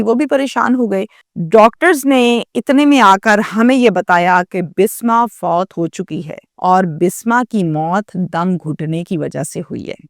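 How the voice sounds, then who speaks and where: A woman's voice: mid-range voice, no echo, clean studio sound. A woman narrating a true story in the first person, dramatic and acting out the quoted dialogue.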